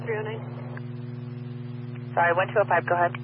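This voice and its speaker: Fast clipped male dispatcher over radio. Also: high-pitched, steady tone, noisy background. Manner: clipped, repeats back numbers. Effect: heard over a two-way radio. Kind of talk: radio dispatch call codes. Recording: tinny two-way radio transmission.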